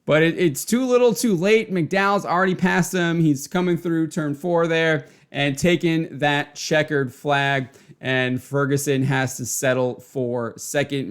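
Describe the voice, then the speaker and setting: A man hosting a casual race recap video. He talks excitably, chuckles often and repeats words. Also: a little high. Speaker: racing video host.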